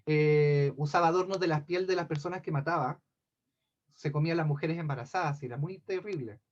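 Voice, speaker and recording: A man casually tells old myths to a group, pausing and restarting with chatty asides. His voice is a little high for a man. The recording sounds dull and lo-fi. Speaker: storyteller. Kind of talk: casual spoken myth telling. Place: talk for a scout group.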